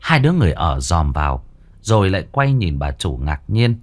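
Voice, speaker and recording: A man's voice: deep voice, very animated, normal speed. A man, dramatically narrating a ghost story.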